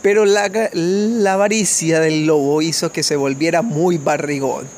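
A man from Colombia reading a fairy tale aloud to children at home in a gentle, measured storytelling manner, with a few small restarts. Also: a little high, steady tone, a little hiss or hum. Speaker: family storyteller.

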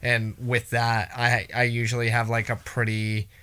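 Man, bright tone, mid pitch, podcast co-host, rambling casual chat, lots of fillers. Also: monotone, unhurried, smooth.

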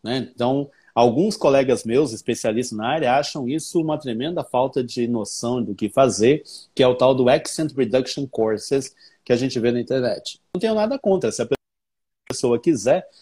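Mellow-voiced man explaining like a teacher. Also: mid-range voice, expressive, normal speed, breathy edge. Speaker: English teacher, guest. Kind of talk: explanatory conversation.

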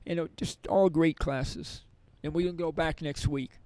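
A man's voice: fairly high pitch, fairly even intonation, measured pace, a little mellow, no echo, low-quality recording. A middle-aged man who teaches yoga and meditation in prisons, telling stories in a rambling way with many restarts. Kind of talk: conversational storytelling interview.

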